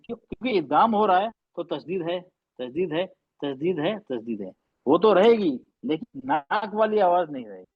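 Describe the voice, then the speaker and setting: Man, recitation teacher, high-pitched, patient, repeats words slowly, dry muffled recording. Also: no echo. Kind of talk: tajweed class explanation.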